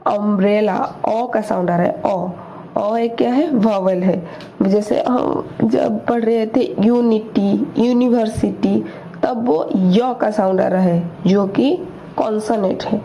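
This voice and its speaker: Woman, grammar teacher, slow, repetitive, faint background noise. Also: mid-range voice, mellow. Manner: repeats words slowly, asks and answers own questions. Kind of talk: slow explanatory lesson in Hindi. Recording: dull lo-fi recording with faint noise.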